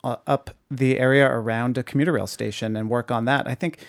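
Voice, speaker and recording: A man's voice: mid-range voice, steady tone, brisk, vocal fry, no room sound, clean studio sound. A man co-hosting a talk podcast, chatting casually and giving informal, emphatic advice to listeners. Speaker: podcast co-host.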